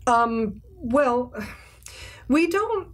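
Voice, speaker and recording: A woman co-hosting a live webinar Q&A, giving parenting advice in a measured, thoughtful, explanatory way. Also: high-pitched, animated. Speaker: co-host and parent.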